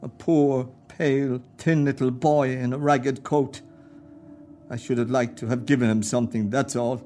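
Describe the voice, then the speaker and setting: A man's voice: medium pitch, steady tone, moderate pace, mellow, a little hiss or hum, close to an everyday voice. A man acting an old miser, Ebenezer Scrooge, in a radio play, with a quavering, stammering delivery. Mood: wistful. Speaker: amateur radio play actor.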